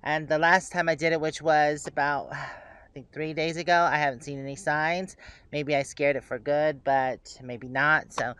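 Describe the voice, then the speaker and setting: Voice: mid-range voice, little pitch movement, moderate pace, a bit bright, clear, resonant tone, no echo, low-quality recording. An RV camping vlogger narrating casually outdoors and from a truck, chatting easily and talking to their dogs along the way. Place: outdoors and in a truck on forest roads.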